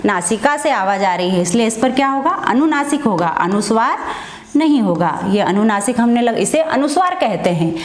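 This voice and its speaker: A woman's voice: a little high, lively intonation, normal speed, echoey room. A woman teaching a Hindi lesson, asking questions and answering them herself as she goes. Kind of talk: online classroom lesson.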